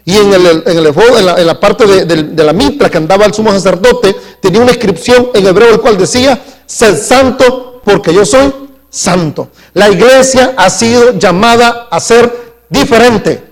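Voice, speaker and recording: A man with a notably high voice preaches to his congregation in a church sanctuary. He leans on key words, drawing them out for emphasis. He keeps turning to the listeners with questions. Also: moderate pace. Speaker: pastor. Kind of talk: live sermon.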